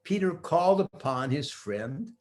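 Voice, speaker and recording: Older male storyteller, folksy, highly animated pitch, slow pace, improvised children's tale. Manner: folksy, expressive, draws words out.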